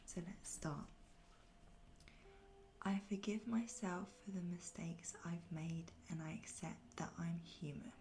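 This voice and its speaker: A woman softly whispering an ASMR guided pep talk of affirmations in a gentle, reassuring, unhurried and breathy way. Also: fairly low pitch, fairly even intonation, a little hiss or hum. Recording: music behind the voice. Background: music.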